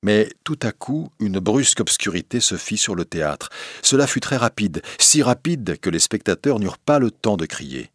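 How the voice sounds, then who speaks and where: A man narrating a story aloud in a measured, dramatic storytelling manner. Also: fairly low pitch, sing-song, fairly bright tone, dry recording, studio quality. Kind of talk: audiobook reading.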